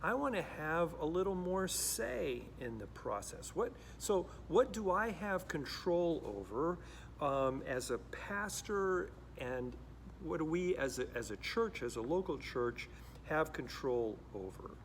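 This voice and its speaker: A middle-aged pastor who grew up in Costa Rica speaks directly to the camera, reflective and earnest, often restarting his sentences. His voice is a little high and gravelly, with big pitch swings and a measured pace. Slight background noise is audible.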